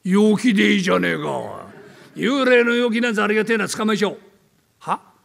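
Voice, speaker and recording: Older man playing a rough tenant, downtown Tokyo accent, gruff, teasing, raised pitch, raspy, hall echo. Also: expressive, brisk, a bit bright, heavily acted. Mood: brash, teasing. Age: 70s. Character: brash bullying rough male Edo tenant. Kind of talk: rakugo storytelling.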